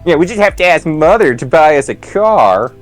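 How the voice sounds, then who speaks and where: A man's voice: a little high, sing-song, moderate pace, soft background music. A man co-hosting a let's play, rambling casually with lots of "like" and restarts and laughing often. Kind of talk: casual gaming commentary.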